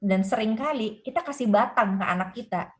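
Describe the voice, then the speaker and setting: A woman's voice: a little high, brisk. A woman, a parenting book author, explains her ideas in an interview and keeps tagging her sentences with "gitu ya". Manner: explains with frequent "gitu ya" tags and quoted examples.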